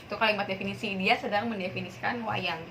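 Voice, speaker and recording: A woman's voice: medium pitch, fairly even intonation, quick pace, a bit bright, a little hiss or hum, rough recording. A young woman teacher giving a recorded grammar lesson, explaining step by step and asking rhetorical questions along the way. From Indonesia.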